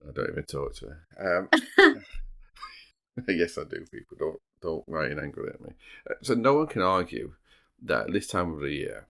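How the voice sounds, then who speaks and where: A man with a very low, gravelly voice tells true crime stories as a podcast host. His pitch moves around in a lively way, and he slips into dry, teasing banter between the scene-setting. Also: normal speed.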